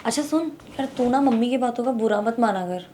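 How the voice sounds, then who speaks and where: An actress playing a young wife who tries to calm her mother and keep the peace with her husband. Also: a little high, a little fast, a little hiss or hum, natural voice. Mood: placating. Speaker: daughter and wife. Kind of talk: comedy sketch acting.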